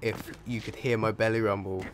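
A man giving casual let's play commentary while gaming, chatty and profane, with sudden excited yelps. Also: lowish voice, normal speed, a little hiss or hum. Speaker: gaming video creator. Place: home room.

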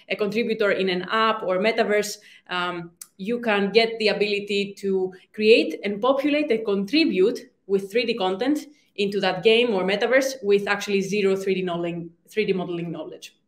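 A young Greek startup founder gives a conference presentation, hesitating often with plenty of ums and restarts. Her voice is medium-pitched at a normal speed, and the recording has a roomy reverb.

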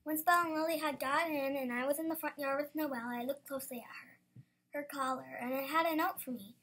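Schoolgirl storyteller, high voice, lively reader with excited outbursts. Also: fast talker. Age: child. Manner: lively, bursts into excited exclamations. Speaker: student storyteller. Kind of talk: reading her own story aloud.

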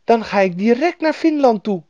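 Man putting on a little storybook girl, high squeaky voice, dry dull sound. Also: sing-song, moderate pace, a little mellow, no room sound. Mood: eager. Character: plucky little girl, warm and brave.

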